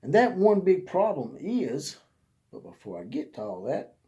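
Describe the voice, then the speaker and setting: Here the sports vlog host sounds a little high and mellow, talking a bit slowly but very animated, with lo-fi audio. He rants in a folksy preacher's manner on his channel, drawing words out to stress them.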